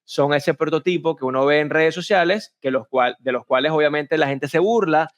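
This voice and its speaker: A Venezuelan-accented man speaking as an interview guest, his voice sitting somewhat high for a man. He tells anecdotes animatedly and slips into quoted voices. The tone is conversational and expressive. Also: moderate pace. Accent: Venezuelan Spanish. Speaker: communication and public speaking coach, interview guest.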